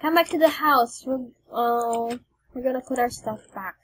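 A young woman chats casually while playing a video game, bossily teaching her mother, teasing her, and scolding her quickly. Her voice is fairly high and a bit bright, on a low-quality recording with faint background noise.

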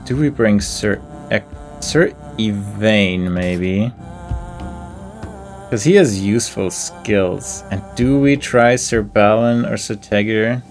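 Over faint game music, a man with a fairly low voice takes his time commenting casually on his gameplay, thinking through each decision aloud in a deliberative, self-musing way.

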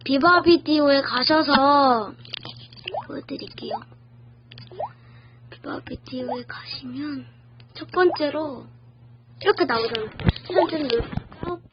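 A woman's voice: high-pitched, slow pace, long pauses. A woman whose voice is sped up by an app, giving a casual phone tutorial and losing track of her words now and then. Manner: chatty, loses track of words and restarts. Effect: sped-up voice from a video app. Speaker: tutorial host. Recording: dull lo-fi sound with faint noise.

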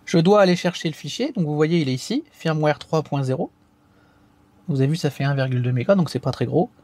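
A man's voice: a little high, brisk, dark tone, no room sound. A man hosting a casual step-by-step tech tutorial, talking hesitantly with frequent fillers and restarts.

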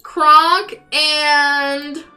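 A young woman casually commentating on a game as a live streamer and chatting with viewers, sweary and excitable. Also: high voice, drawn-out words, faint music behind. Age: young adult. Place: small room at home, indoors.

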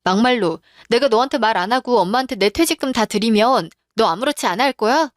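A woman's voice: on the high side, animated, brisk, no room sound, studio quality. A woman narrating a radio-style drama in a plain, earnest manner. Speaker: narrator and storyteller.

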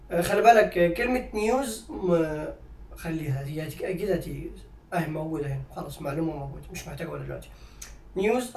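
A man with an Egyptian Arabic accent teaching English grammar, who explains in Arabic and reads the English examples out slowly. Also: high voice, a little mellow. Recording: echoey room, voice a little far from the mic.

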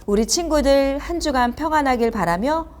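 A woman's voice: sits high, animated, normal speed, darkish tone. A woman narrating a children's craft lesson in a simple, sing-song manner aimed at toddlers, like a Sunday school teacher.

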